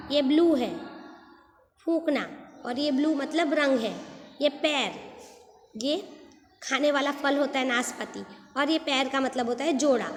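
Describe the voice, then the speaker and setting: Woman teacher, high voice and an unhurried pace, patiently explains and spells out words for kids. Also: reverberant, in a large hall, slight background noise. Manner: slow, patient, repeats and spells out words letter by letter. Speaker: school English teacher. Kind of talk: explaining homophones to young children.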